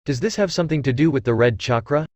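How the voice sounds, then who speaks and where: A shy, earnest young ninja girl speaks softly and hesitantly, as a male storyteller reads her lines. The read has a lively, rising and falling pitch, and the recording is close and dry. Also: quick pace, dry recording, close to an everyday voice. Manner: soft, hesitant.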